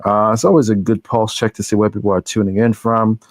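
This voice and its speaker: Playful low-voiced male podcast host. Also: level tone, a little fast, no room sound. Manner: playful, teasing. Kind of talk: casual chat on a live show. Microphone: studio microphone.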